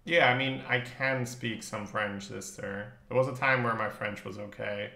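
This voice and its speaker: In casual live game commentary, a northern Belgian man whose first language is Dutch thinks aloud, chats with viewers and swears occasionally. His lowish voice is gravelly, bright and forceful, fairly even in intonation at a normal speed, in a reverberant space.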